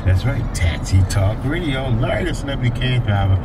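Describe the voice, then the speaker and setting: A middle-aged man hosts a chat show from the driver's seat, his voice swinging up and down with lively emphasis. Road noise from the car hums clearly underneath him, picked up by a dashboard camera. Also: medium pitch, fairly quick. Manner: lively, emphatic, addresses listeners as folks. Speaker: radio host and cab driver. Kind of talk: casual radio chat. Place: inside a moving car.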